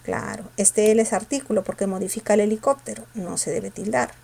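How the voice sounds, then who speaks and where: A woman teacher going over exam questions, asking her students quick questions and answering them herself. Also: medium pitch, creaky, warm tone, slightly rough. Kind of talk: exam review lesson.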